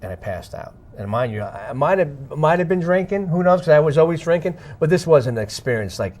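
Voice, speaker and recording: A man sharing a personal testimony as an interview guest, speaking dramatically and swinging between hushed and loud passages while acting out the dialogue he recalls. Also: a little high, lively intonation, brisk. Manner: acts out dialogue in his retelling. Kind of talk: emotional storytelling.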